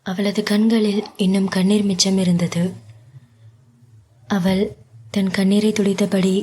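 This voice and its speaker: A woman reading a romance story aloud in a slow, measured narration. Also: medium pitch, flat delivery, warm tone, a little hiss or hum. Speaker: audiobook narrator.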